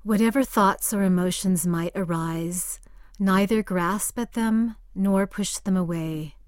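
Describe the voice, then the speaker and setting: A woman guiding a meditation in a soft, calm voice that sometimes drifts into a whisper. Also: medium pitch, measured pace, smooth, no room sound, clean studio sound. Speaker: meditation guide. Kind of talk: guided meditation.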